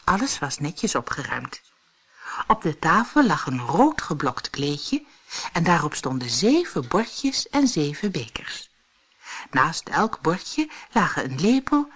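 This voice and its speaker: A woman narrating a fairy tale in a lively, expressive storytelling manner. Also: low voice, slightly rough.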